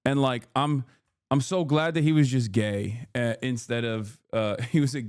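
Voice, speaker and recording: A man's voice: medium pitch, fairly even intonation, normal speed, a little mellow, clear, resonant tone, dry recording. A man in his thirties, raised in Turkey, chats loosely and profanely over clips he is reacting to. He rambles and throws in joking asides. The recording is dry and close. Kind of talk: casual reaction commentary.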